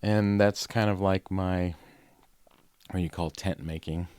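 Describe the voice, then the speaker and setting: A man in his forties, a podcast guest, chatting in a relaxed, rambling way with many fillers and restarts. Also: low voice, slow, smooth, no room sound. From Ohio. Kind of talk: casual conversation.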